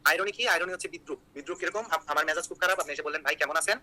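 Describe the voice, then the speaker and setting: A young man from Bangladesh, teaching an online exam-prep class in a quick, joking way and checking in with his students again and again. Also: a little high, sharp tone, low-quality recording. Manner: rapid, joking, repeats key points with "ঠিক আছে?".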